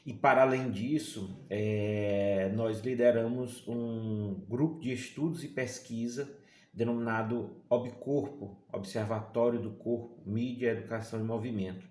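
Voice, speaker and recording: A man from Northeastern Brazil, with that region's accent, giving a university lecture in a measured, hesitant way, often checking in with his listeners. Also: mid-range voice, steady tone, dark tone, reverberant. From Piauí, Northeastern Brazil. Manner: measured, hesitant lecturing with frequent tag questions. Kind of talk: recorded academic talk.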